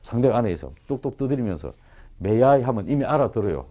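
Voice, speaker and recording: A man teaches English to students in a lecture room. His voice leaps around as he talks, playful and teasing. He keeps throwing quick questions at the class. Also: medium pitch. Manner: animated and joking, quizzes the class.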